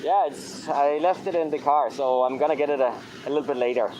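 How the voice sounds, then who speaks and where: Filmed on a handheld camera as he strolls along a city beach, a man vlogs casually in a slightly high, fairly quick voice. He has a non-native Tagalog accent and drops a few Tagalog phrases into his English. The recording is low quality, with a crowd audible behind him.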